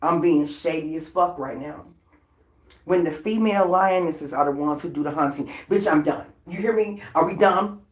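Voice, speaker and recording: A woman's voice: low voice, moderate pace, a little mellow. A woman vlogger in a casual, unscripted rant, blunt and profane and laughing between lines. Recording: roomy echoey room.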